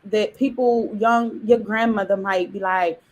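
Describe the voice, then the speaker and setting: A young woman hosting a casual panel discussion, relaxed and chatty, asking questions. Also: mid-range voice, a little slow, rough recording. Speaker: discussion host.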